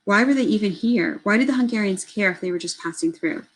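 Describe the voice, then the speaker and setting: Woman reading a novel aloud, expressive. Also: mid-range voice, fast talker, low-quality recording. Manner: expressive, earnest, occasional self-corrections. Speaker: reader.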